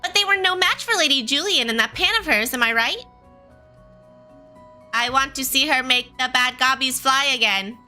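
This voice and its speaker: A woman's voice: sits high, moderate pace, bright, forceful tone, faint music behind. A woman voicing an eager, naive, bubbly assistant character from a game. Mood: eager, admiring.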